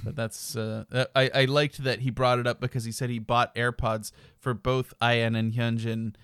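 A man's voice: mid-range voice, little pitch movement, normal speed, a bit bright, clear, resonant tone, no echo, clean studio sound. A man co-hosting a podcast, chatting in a casual, laid-back way with filler words and frequent laughs. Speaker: podcast co-host. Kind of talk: casual chat.

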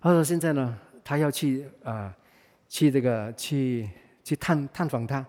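A man's voice: mid-range voice, unhurried, a little mellow. A man with a Malaysian Mandarin accent preaching a sermon, telling a story in a conversational way and often repeating and restarting his words. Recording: reverberant hall.

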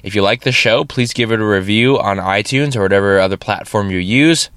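A man with a lowish, slightly bright voice hosts his own podcast, talking fairly quickly in a casual, rambling way. A cold leaves him stuffy and nasal, and he often adds "right?" to his remarks. He records on a studio podcast microphone with no echo.

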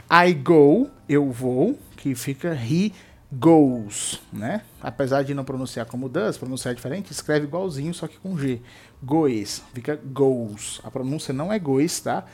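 A man's voice: medium pitch, a little mellow. A Brazilian man, a native Portuguese speaker, teaches English verb rules to students, repeating examples and often checking in with "tá?". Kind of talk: explaining grammar to students.

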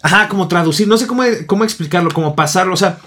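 A man's voice: sits high, racing, bright, forceful tone. A Mexican man in a rambling, slangy casual chat with a Mexican accent.

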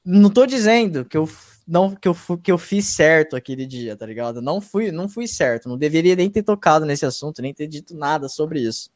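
A man's voice: a little high, expressive, fairly quick, a little mellow, dry recording, studio quality. A man telling his story as a guest in a casual interview, slangy and emphatic, swearing freely and often checking in with his listeners. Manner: emphatic, often asks "tá ligado?". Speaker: guest, YouTube reaction channel host.

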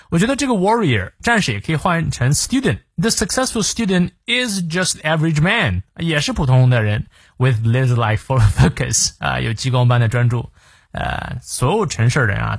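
A man's voice: medium pitch, slightly rough, no room sound, studio quality. A man with a Mandarin Chinese accent hosting a daily English lesson, explaining a sentence word by word and mixing English and Chinese. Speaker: English teacher, host.

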